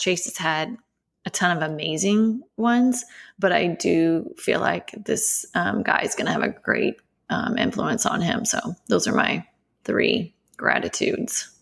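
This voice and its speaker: A woman, a podcast co-host, talking earnestly in a halting, casual way and sometimes dropping to a soft near-whisper. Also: on the low side, gravelly.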